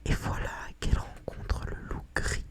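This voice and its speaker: Very slow whispered ASMR storyteller. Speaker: narrator. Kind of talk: whispered ASMR storytelling, reading a children's tale.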